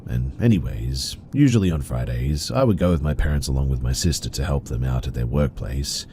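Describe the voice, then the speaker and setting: A man narrating reader-submitted horror stories in a steady, even storytelling delivery. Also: a bass voice, brisk, slight background noise.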